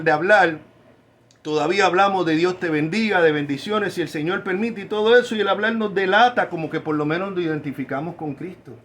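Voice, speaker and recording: A man's voice: sits high, a bit bright. Emphatic preacher, man. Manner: emphatic preaching, slows words down for stress. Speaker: pastor. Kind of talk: sermon.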